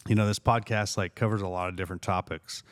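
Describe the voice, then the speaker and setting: A man's voice: sits low, steady tone, quick pace, clean tone. A man hosting a podcast, asking questions and musing in a conversational way, with lots of "uh" and "you know". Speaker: podcast host. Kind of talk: casual podcast interview.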